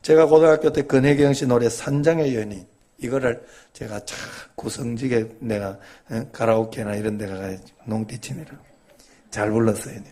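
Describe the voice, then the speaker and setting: A male pastor giving a sermon in a conversational, folksy way, telling humorous stories and prompting his congregation with quick rhetorical questions. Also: mid-range voice, warm tone.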